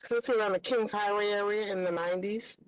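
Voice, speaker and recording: A woman community member asking persistent questions at a public meeting, her voice coming through muffled with only the bass left. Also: steady tone, fast talker, smooth, no echo. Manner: persistent, presses for specifics. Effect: muffled remote audio with the bass only. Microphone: remote call-in line. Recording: muffled dull remote line.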